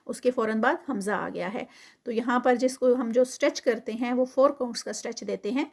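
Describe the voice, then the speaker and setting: Female tajweed teacher, fairly high voice, brisk explanations broken by slow, stretched recitation. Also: darkish tone. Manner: explains rules briskly, then recites words slowly and drawn out; mixes English terms into her explanations. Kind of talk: tajweed lesson explaining rules.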